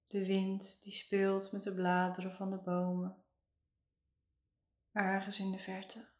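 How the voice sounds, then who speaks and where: A woman narrates a guided meditation at a slow, unhurried pace. Her delivery is soothing and hushed, with very little rise or fall in pitch. The voice sits in a noticeably echoey room. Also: monotone.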